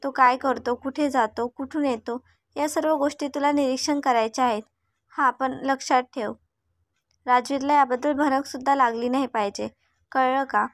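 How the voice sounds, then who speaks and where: A woman's voice: high-pitched, fairly even intonation, moderate pace, dry recording, studio quality. A woman voicing a stern, commanding middle-aged father in a read-aloud story.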